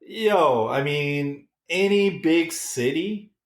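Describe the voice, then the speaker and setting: Man, podcast co-host, slow halting talk, roomy echoey sound. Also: fairly high pitch, lively intonation, a little hiss or hum. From Canada. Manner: halting, many restarts and fillers. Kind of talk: casual chat.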